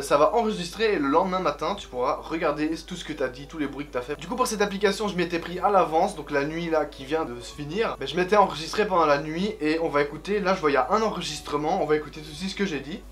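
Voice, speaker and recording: A man's voice: a little high, fairly bright tone. A young man chatting casually and jokingly as he tests phone apps for his channel. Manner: joking, chatty, switches between quick and drawn-out talk. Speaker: YouTuber testing apps. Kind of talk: casual vlog chat.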